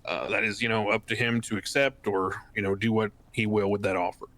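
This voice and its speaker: A man playing a diplomatic official in game role-play, making a formal announcement in a measured, hesitant manner. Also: lowish voice, fairly even intonation, a bit bright.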